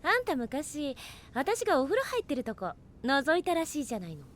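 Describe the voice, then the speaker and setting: A woman voicing a sharp-tongued young woman who teases and needles, in an audio drama with music behind. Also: high-pitched, wildly swooping pitch, fairly quick, a little hiss or hum. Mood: teasing. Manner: sassy, needling.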